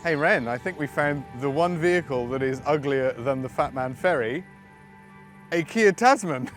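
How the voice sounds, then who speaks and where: A man's voice: fairly high pitch, animated, normal speed, a bit bright, soft background music. A man with an Australian accent presenting a travel vlog, moving between narration and casual chat with a wry, jokey, understated humour.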